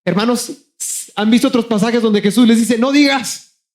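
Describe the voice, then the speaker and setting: High-voiced pastor preaching with passion. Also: male voice, fairly even intonation, darkish tone. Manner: impassioned, repeatedly addressing the congregation as brothers; shifts between rapid bursts and slow, drawn-out emphasis. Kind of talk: sermon.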